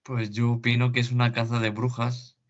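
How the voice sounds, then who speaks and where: A man's voice: mid-range voice, completely flat delivery, normal speed. A man on a debate panel who gives his opinion hesitantly, with fillers and restarts. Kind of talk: debate talk. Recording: dull lo-fi audio.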